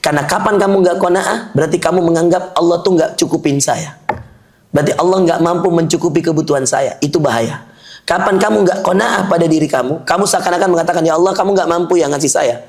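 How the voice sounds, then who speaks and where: A man's voice: a little high, fast. A male preacher giving a sermon to a live audience, joking with the listeners, teasing them and quizzing them with questions.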